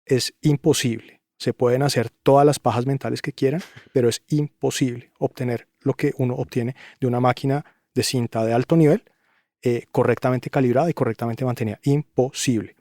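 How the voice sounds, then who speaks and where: A man's voice: medium pitch, steady tone, brisk, dark tone, no echo, clean studio sound. Emphatic man making his case. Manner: emphatic, opinionated, repeats points with rhetorical questions. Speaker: guest, audio engineer. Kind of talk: podcast interview.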